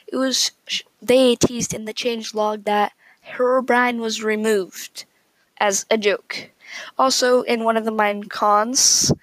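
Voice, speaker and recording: A woman hosts a solo podcast and talks in a slow, unhurried way. Her voice sits fairly high and she is opinionated and chatty, often restarting her sentences. The recording is close and dry, with no room sound. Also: no room sound, rough recording. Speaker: podcast host. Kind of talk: casual solo podcast talk.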